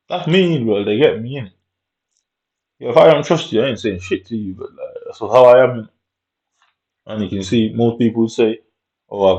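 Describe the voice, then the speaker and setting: Swearing freely and tagging his lines with "innit", a vlogger spins a story in a relaxed, slang-heavy monologue. He has a fairly low, darkish voice, and the lo-fi recording sounds dull.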